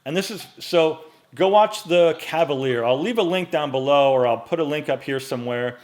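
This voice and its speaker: A man in his late forties answering viewer questions in a casual vlog, relaxed and chatty with frequent fillers, recorded on a microphone in front of him in a home studio. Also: a little high, normal speed. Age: 40s. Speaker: men's style YouTuber.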